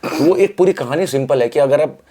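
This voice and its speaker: Brisk and mellow, this slightly high-voiced man is an interview guest from the film industry. He tells stories conversationally and with animation, illustrating his explanations through rhetorical questions and acted-out examples.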